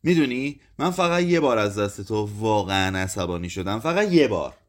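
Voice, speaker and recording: A man voicing an angry, bitter drunk woman in an audiobook, raising his pitch to shout and sneer. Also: lightly acted.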